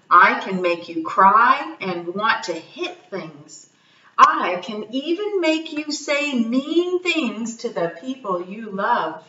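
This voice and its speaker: A woman's voice: mid-range voice, bright, forceful tone, echoey room, far from the mic, dull audio. A woman voicing a hairy red creature, the spirit of a boy's anger, coaxing and playful, in a storybook.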